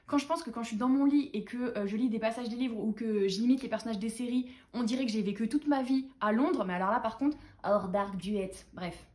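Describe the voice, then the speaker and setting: A woman's voice: a little high, a little mellow. A woman chatting enthusiastically as a book vlogger, talking through her monthly reads and haul. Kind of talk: casual book haul chat.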